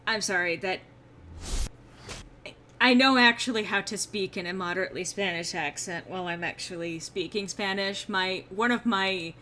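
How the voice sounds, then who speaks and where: Woman streamer host, bright and sharp tone, chatty self-mocking rambles, slightly subdued from feeling unwell. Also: medium pitch, slight background noise. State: slightly under the weather, subdued. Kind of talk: casual gameplay stream chat.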